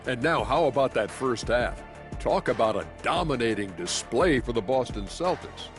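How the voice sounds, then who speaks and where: A man's voice: mid-range voice, lively intonation, normal speed, music in the background, close to an everyday voice. A man presenting a basketball studio show as host, polished and upbeat.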